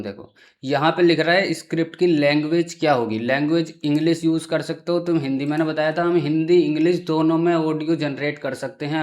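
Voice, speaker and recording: Chatty male tutorial host, slightly high. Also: a little mellow. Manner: chatty, repeatedly checks in with the viewer. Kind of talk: casual screen-recorded tutorial.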